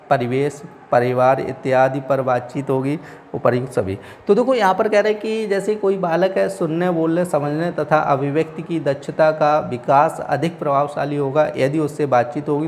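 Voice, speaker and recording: A man's voice: fairly high pitch, darkish tone, a little hiss or hum. A male teacher explaining exam questions step by step, often repeating a question back and answering it himself. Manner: repeats questions back to students, frequent "theek hai". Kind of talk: exam-prep lesson. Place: coaching academy class.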